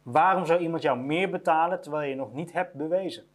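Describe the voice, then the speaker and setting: A speaker delivers a motivational monologue with a blunt, no-nonsense edge. The same short phrases come back again and again, stacked up to drive each point home. The voice sits at a middle pitch and talks as a business owner addressing employees. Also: brisk. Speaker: business owner giving career advice.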